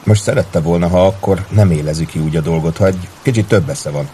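A man reading a novel aloud as an audiobook narrator, in a steady, even way. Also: sits low, a little hiss or hum. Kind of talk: scripted narration.

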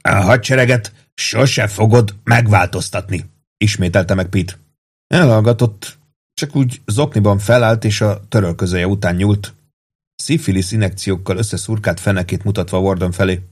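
A man reading a novel aloud as audiobook narrator, in steady, even storytelling. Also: fairly low pitch, husky. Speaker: audiobook reader.

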